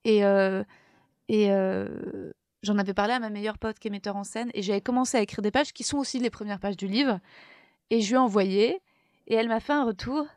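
A woman's voice: medium pitch, brisk, a little mellow, no echo. Rambling, self-doubting woman telling her story. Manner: rambling, self-deprecating, hesitant. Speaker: podcast guest, first-time author. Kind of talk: casual storytelling.

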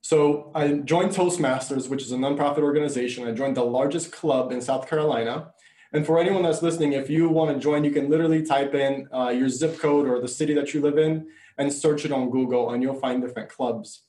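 A man's voice: mid-range voice, a little fast, dark tone. Earnest Bulgarian-born man, echoey room. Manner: earnest storytelling. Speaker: guest, coach and speaker. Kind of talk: conversational interview.

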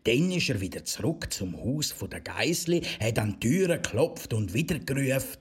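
Husky Swiss German storyteller. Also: male voice, medium pitch, big pitch swings, normal speed. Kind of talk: children's fairy tale narration.

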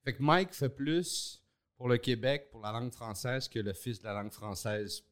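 A man with a Quebec French accent, a guest comedian chatting in a relaxed way and often agreeing. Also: mid-range voice, moderate pace. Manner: relaxed, agrees often, short back-channel replies. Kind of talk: casual conversation.

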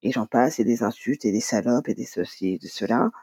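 A woman's voice: a bass voice, fairly quick, mellow, slightly rough, no echo. A woman telling her own story in a conversational interview, quoting dialogue, with many fillers. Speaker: guest. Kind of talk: personal testimony interview.

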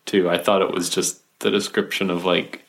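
A woman's voice: a bass voice, flat delivery, normal speed. A woman co-hosting a podcast in casual chat, reacting with dry, wry mock disgust. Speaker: podcast co-host.

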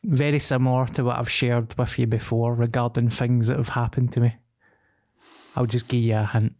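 A Glaswegian man co-hosting a podcast casually tells sweary, slang-filled anecdotes, stretching the stories out. His mid-range voice is level and a little mellow, delivered at a moderate pace.

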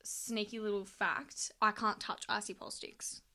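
A woman's voice: mid-range voice, little pitch movement, normal speed, pushed and bright. A young woman, a guest on a friend's podcast, casual and giggly. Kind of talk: casual chat.

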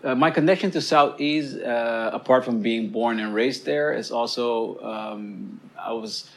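A man who works as a community organizer, answering interview questions in an analytical, halting way with many uhs and restarts. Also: medium pitch, vocal fry.

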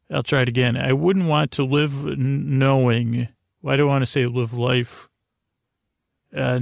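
A man with a creaky, medium-pitched voice hosts a sleep podcast, recorded close and dry with no echo. His unhurried bedtime monologue wanders soothingly, halting, repeating itself, and letting thoughts trail off in a lulling way.

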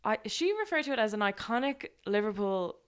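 A young woman co-hosts a podcast in easy, chatty conversation. Her voice sits at a middle pitch and she laughs often as she talks. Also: animated, brisk, clean tone. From Ireland. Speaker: podcast co-host. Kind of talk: casual chat.

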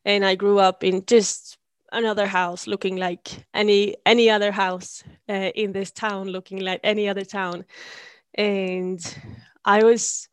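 A woman's voice: mid-range voice, flat delivery, measured pace, smooth, no echo. Thoughtful young woman, dry close sound. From Sweden. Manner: thoughtful, searching for words, many restarts. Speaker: guest, long-distance cyclist. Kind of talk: reflective interview answers.

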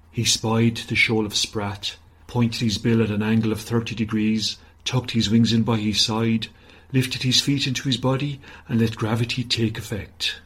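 A man narrating a children's story in a gentle, steady manner. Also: lowish voice, slightly rough, poor audio.

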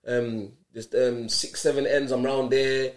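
A man's voice: medium pitch, little pitch movement, measured pace. South London man, emphatic street talk. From south London, England. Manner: street slang, emphatic repetition. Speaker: interview guest, community mentor. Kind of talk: casual, earnest interview talk.

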